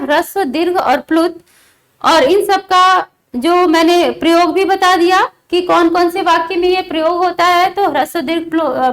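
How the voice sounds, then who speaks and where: A woman teaching a grammar lesson, explaining slowly and repeating examples, often checking whether the students understand. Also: extremely high pitch.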